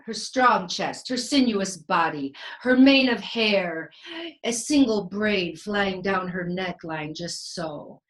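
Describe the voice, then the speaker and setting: A woman playing a vain, playful Renaissance genius in a theatrical comic monologue, with florid delivery, dramatic pauses and sprinkled Italian words. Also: mid-range voice, lightly acted, rough recording. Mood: rapturous. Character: grandiose, vain, playful Leonardo da Vinci, Renaissance man. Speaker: stage actor.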